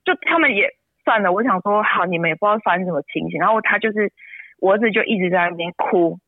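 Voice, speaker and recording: A woman speaking, a mother telling an emotional personal story, her voice often breaking and jumping high. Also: quick pace, no echo. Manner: tearful, pitch jumps high when upset. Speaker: interview guest, mother. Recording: tinny phone-line sound.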